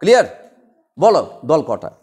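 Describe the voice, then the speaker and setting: A man teaching a class, drilling students with quick repeated questions. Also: fairly high pitch, sing-song, darkish tone, breathy edge. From West Bengal. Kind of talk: classroom lecture.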